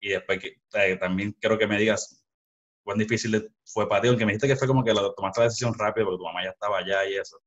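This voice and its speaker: A young Puerto Rican podcast host with a Puerto Rican Spanish accent talks fast, his voice on the low side with fairly even intonation. Hosting a casual video-call interview from a small room at home, he rambles through many restarts into a headset with studio mic. The sound is dull and lo-fi.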